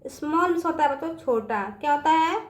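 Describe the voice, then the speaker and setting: High-voiced woman teaching children. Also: a little fast, reverberant. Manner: patient, repetitive, often asks "समझ में आ गया बच्चों?". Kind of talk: online English lesson for children.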